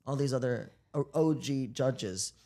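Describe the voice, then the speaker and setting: A woman hosting a podcast, chatting casually as an animated, playful storyteller. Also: extremely low pitch, a little slow. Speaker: podcast host. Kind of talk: casual chat.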